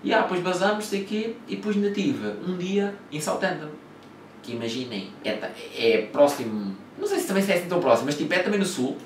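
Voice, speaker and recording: A man's voice: medium pitch, a little hiss or hum. A young man from Portugal with a Lisbon slang accent, telling travel stories in a casual, rambling way, full of swearing and fillers. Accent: European Portuguese, Lisbon slang. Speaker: vlogger. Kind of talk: casual storytelling. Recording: echoey room, mic at a distance.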